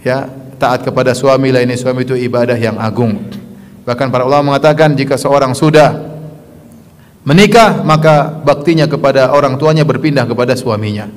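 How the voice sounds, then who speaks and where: A male preacher giving a sermon to women, tagging his phrases with a repeated "ya" and swinging from loud emphasis to soft asides. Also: mid-range voice, brisk. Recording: long reverb of a hall.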